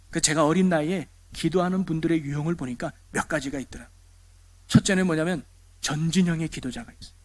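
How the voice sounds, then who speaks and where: High-voiced Korean pastor preaching. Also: male voice. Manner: animated storytelling, rhetorical questions to the congregation. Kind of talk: sermon.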